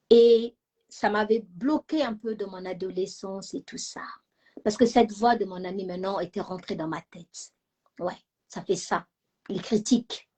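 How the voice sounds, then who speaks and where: A young woman telling a personal story to her live audience in a fast, animated way, with many repeated fillers. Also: mid-range voice. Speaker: live stream host.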